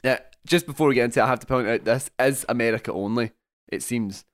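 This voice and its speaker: A man's voice: mid-range voice, fast talker, no echo, studio quality. A young Scottish man hosting a film podcast, joking and laughing often, chatty and rambling. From Scotland. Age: young adult. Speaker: podcast host. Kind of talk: casual film podcast chat.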